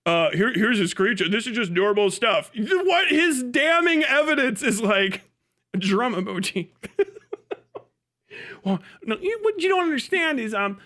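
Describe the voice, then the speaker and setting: Reacting in casual live commentary, this male livestream host sounds very high and bright but unhurried. Mocking and sarcastic, he curses without restraint and gets giggly and excited.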